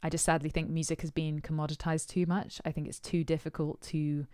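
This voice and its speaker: A woman's voice: sits low, flat delivery, fairly quick, dark tone, clean tone, no room sound, studio quality. A woman musician answering her supporters' questions in casual chat, thoughtful and hesitant with many ums and uhs.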